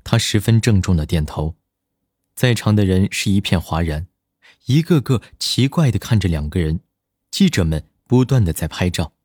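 Brief: male audiobook narrator, low, steady, dry close mic. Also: moderate pace, husky, no echo.

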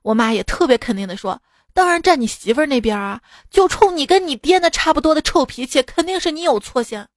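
Chatty woman host, higher-pitched voice. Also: animated, quick pace, no room sound. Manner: chatty, often laughing at the jokes. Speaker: radio host. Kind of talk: reading listener-submitted jokes. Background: faint background music.

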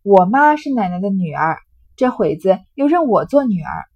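A woman voicing a clever seventeen-year-old maid who answers in crisp, concise sentences. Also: medium pitch, sing-song, normal speed, lo-fi sound. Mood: amused.

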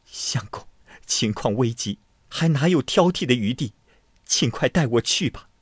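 A man voicing a tearful young princess who pleads softly and then wails at her husband. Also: a little high, expressive, measured pace, breathy edge, dry recording, clean studio sound, pitched above the performer's own voice. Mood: pleading. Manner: pleading, soft then wailing.

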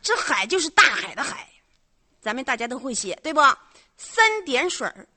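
A woman's voice: high-pitched, big pitch swings, pushed and bright, no echo. A woman, a comic stage performer telling a bawdy story in teasing, mocking banter. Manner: teasing, mocking, brisk punchy delivery.

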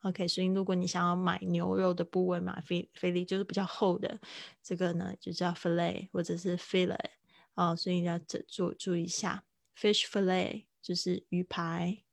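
A woman teaching English words in a casual live-streamed lesson, chatting and repeating each word slowly to model how it sounds. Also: fairly low pitch, little pitch movement, gravelly, no echo. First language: Mandarin.

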